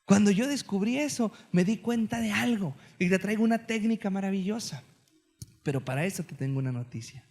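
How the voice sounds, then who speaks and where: A man in his thirties with a Mexican accent, preaching a sermon as an animated, joking storyteller. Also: high-pitched, a little fast.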